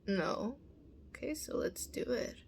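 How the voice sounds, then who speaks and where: A young woman voicing a bossy, teasing female roommate in a whispered role-play, speaking softly close to the mic. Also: medium pitch, animated, slow pace, gravelly, slight background noise. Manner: teasing, commanding, soft whispering. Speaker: ASMR performer.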